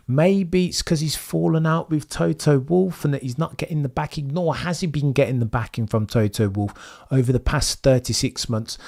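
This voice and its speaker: A young man with a slightly high, creaky, darkish voice commentates on a Formula 1 live stream and reads the chat. His voice is giving out as he rambles through opinionated runs, constantly tagging lines with "right?"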